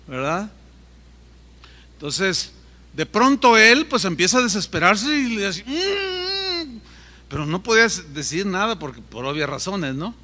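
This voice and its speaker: A pastor preaching in a church hall, telling a story with lively asides to his listeners. His voice is high and bright. A long hall reverb trails behind his words. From Mexico. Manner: animated storytelling, asides to the congregation. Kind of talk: sermon.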